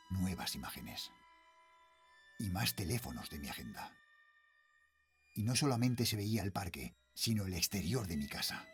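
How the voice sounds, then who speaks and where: A low-voiced, haunted middle-aged father narrates a first-person horror audio drama as a shaken security guard recounting his ordeal. He sounds grave and brooding, dropping into slow, hushed phrases.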